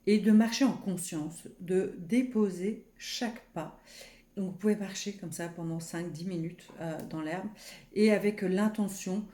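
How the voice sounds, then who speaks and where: A woman speaking French as a personal development coach, guiding listeners gently with many pauses and fillers. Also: fairly low pitch, echoey room. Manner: soft, unhurried, guiding with many fillers and restarts; counts slowly through a breathing exercise. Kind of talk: gentle personal growth video talk.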